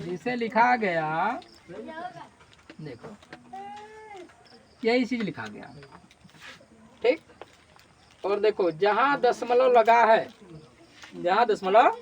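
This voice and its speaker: A man's voice: high voice, a bit bright. A male teacher giving a classroom maths lesson, repeatedly quizzing his class and answering his own questions.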